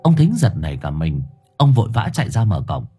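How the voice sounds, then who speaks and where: A man narrating an audiobook story in an expressive, dramatic way. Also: fairly low pitch, brisk, music in the background.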